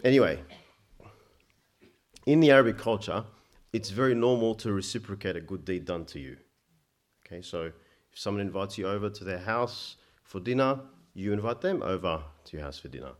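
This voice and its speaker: A man born in Egypt preaching a sermon. He speaks emphatically, climbs to loud peaks and drops low, and often stammers into restarts. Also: normal speed.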